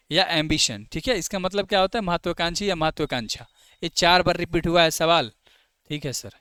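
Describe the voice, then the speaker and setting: Male tutor, somewhat high and clear, energetic question-and-answer teaching, dry close mic. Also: no room sound. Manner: lively, asks students "clear है?" and answers himself. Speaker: vocabulary teacher. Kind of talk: Hindi exam-prep vocabulary lesson.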